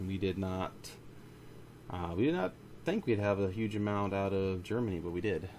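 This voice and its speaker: In a low, slightly mellow but animated voice at normal speed, an indie studio founder rambles through his casual monthly update to camera or mic, often correcting himself partway through sentences. A little hiss or hum sits under the audio.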